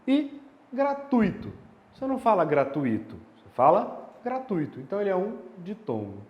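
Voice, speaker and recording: A man teaching a grammar lesson, animated and checking in with the viewer through rhetorical questions. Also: on the high side. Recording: roomy with a long reverb tail.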